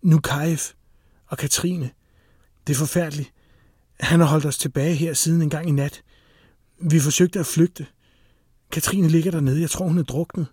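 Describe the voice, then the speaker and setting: Casting: a man playing a panicked adult woman, high and loud, dry close sound. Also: fairly even intonation, long pauses, slightly rough, no echo. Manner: shrill, panicky pleading. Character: terrified frantic adult woman, shrill.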